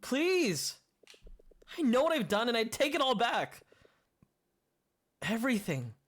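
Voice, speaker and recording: A woman reading a grief-stricken young man's lines in a hushed, halting, pleading voice. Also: on the high side, very animated, full character voice. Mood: hushed despair.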